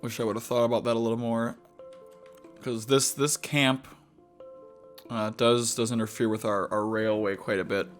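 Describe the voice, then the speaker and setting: A young man giving casual gameplay commentary, rambling and halting with many fillers and restarts. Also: mid-range voice, level tone, faint music behind. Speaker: gaming video host.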